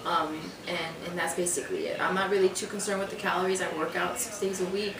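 A young fitness vlogger chats quickly about meal prep in her home kitchen, her fairly low voice holding fairly even intonation. She talks casually with lots of fillers and restarts. Crowd noise can be heard, and the audio, from a camera on the counter a few feet away, is roomy, distant and noisy.

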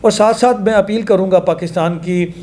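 A man's voice: high-pitched, a little fast, a little mellow, slight background noise. A man in his forties with a Pakistani Urdu accent, giving earnest news commentary to camera in a studio, making appeals.

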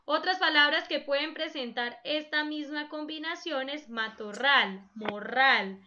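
Patient high-voiced woman teaching slowly. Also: bright, forceful tone, lo-fi sound, slight background noise. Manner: patient, slow, prompts children with questions. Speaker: primary school teacher. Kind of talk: online class explanation.

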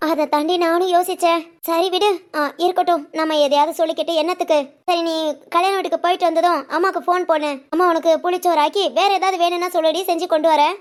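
A fretful middle-aged village mother from a cartoon family story, as a woman voices her. She rattles on quickly in a very high voice. She complains and sighs her way through every sentence. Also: steady tone. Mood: advising. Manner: complaining, sighing, rambling. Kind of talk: cartoon family drama phone call.

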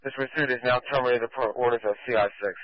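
A man's voice: medium pitch, steady tone, quick pace. Policeman on a lo-fi radio, terse procedural reports, no room echo.

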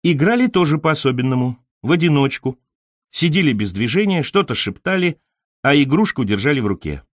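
A fairly high-pitched man narrates a first-person literary story for an audiobook, with measured, expressive storytelling. He uses a close studio microphone, and there is no echo.

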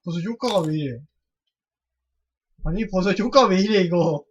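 A woman's voice: lowish voice, animated, normal speed, slightly rough, faint music behind. A woman live-streaming a farming game, rambling to herself with casual swearing.

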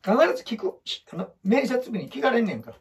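This photographer offers life advice in a loose, casual whiteboard talk, speaking in Osaka Kansai dialect. He has a high, slightly mellow voice, very animated and fairly quick. Blunt and prone to rambling, he performs quotes in different voices.

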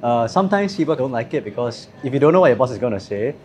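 Thirties guy, calm and thoughtful, restaurant interview, clip-on mic. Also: medium pitch, slight background noise. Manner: thoughtful, measured, with frequent fillers. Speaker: company CEO. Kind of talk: interview conversation. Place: restaurant table indoors.

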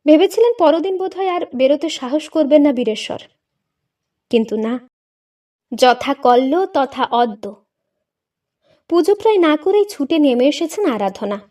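A woman narrating a short story for an audiobook in an expressive, measured way. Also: high-pitched, far from the mic.

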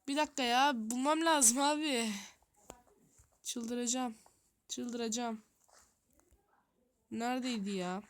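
A woman giving running gameplay commentary, thinking aloud, talking straight to her viewers and muttering to herself in a flustered way. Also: fairly high pitch. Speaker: gaming youtuber.

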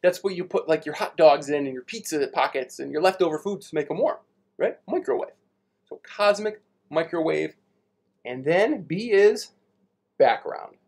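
A man's voice: on the high side, expressive, normal speed, darkish tone. A young man teaching a live online space class for kids at a whiteboard, chatty and playful, explaining big ideas with everyday examples. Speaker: science teacher.

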